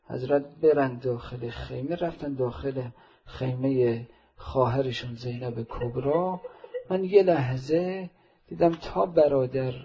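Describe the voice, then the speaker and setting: A fairly high, husky male preacher tells a sacred story at a mourning gathering. His delivery swings between hushed narration and loud, impassioned outbursts. The recording sounds dull and lo-fi. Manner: swells from quiet narration to loud impassioned calls. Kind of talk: emotional religious storytelling sermon.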